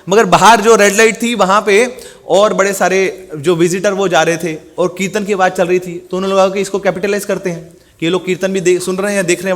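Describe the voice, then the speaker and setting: A man's voice: sits high, fairly bright tone. A man telling a story in a sermon, acting out the quoted dialogue. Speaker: preacher.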